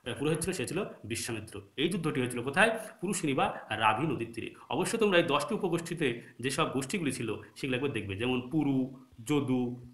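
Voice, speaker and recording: A man with a Bengali accent gives a recorded history lesson. He quizzes his students and then answers his own questions, and his pitch swings widely from high to low. The room sounds echoey around him. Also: fairly bright tone. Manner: asks rhetorical questions and answers them himself; corrects his own slips mid-lesson. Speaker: exam-prep history teacher. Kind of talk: recorded lecture.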